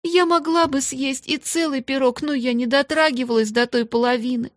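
A woman's voice: steady tone, normal speed, no echo, studio quality, close to an everyday voice. A woman voicing a poor, hungry young servant girl who pleads through tears in a storybook reading. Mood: tearful pleading. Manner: tearful, pleading, high.

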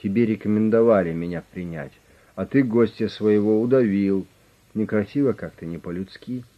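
A calm, insistent negotiator who presses his offer without hurrying, as a male reader plays him. The voice is lowish and even. It comes through a dull, lo-fi recording. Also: normal speed, lightly acted. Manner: steady, insistent, persuasive. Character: calm, pushy male negotiator with an official manner.

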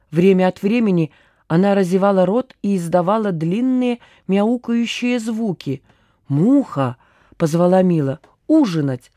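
Woman narrating with a dark mellow voice. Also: mid-range voice, no echo, studio quality. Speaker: audiobook narrator. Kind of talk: scripted narration.

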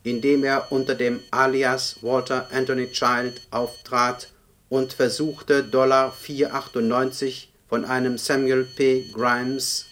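Playing a formal, dry official, a man reads police records aloud slowly in a medium-pitched voice, pronouncing the punctuation as he goes. The delivery is monotone German radio play acting, and the old recording has noticeable background noise.

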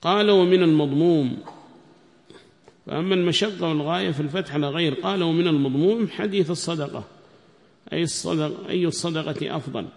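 A man teaching a hadith commentary lesson, repeating each phrase slowly for students to write down, reciting quoted text louder and higher. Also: creaky. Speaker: Islamic studies teacher. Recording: long hall reverb.

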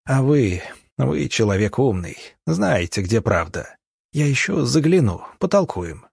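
A man playing a sly, coolly menacing middle-aged gendarme who speaks in smooth, veiled threats. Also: medium pitch, very animated, a little slow, darkish tone, dry recording, studio quality, exaggerated voice.

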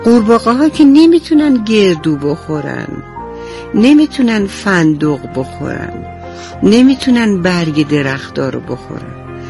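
Gentle woman telling a bedtime story. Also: medium pitch, sing-song, music in the background. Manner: warm, addresses children directly. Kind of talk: bedtime story narration for children.

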